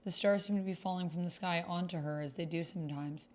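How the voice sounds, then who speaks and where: Talking fast in a lowish, slightly mellow voice, a woman streamer reads a text-based roleplaying game aloud as she plays. Between the typed roleplay, she chats casually and thinks out loud.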